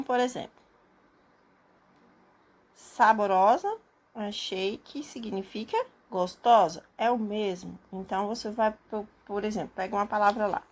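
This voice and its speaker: A woman teacher slowly explaining a homework assignment to her students step by step, often checking that they understand. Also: mid-range voice, fairly bright tone, husky. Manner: slow and patient, explaining step by step with many checks. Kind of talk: recorded remote class lesson.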